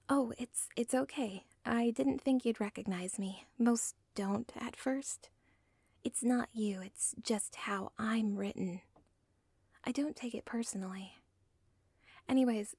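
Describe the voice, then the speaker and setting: A woman doing an ASMR audio roleplay whispers softly close to the mic as a lovesick villain's daughter, rambling through asides about her own story. Her medium-pitched voice is gravelly and husky, drawled slowly in a full character performance. The recording is dry, with no room sound.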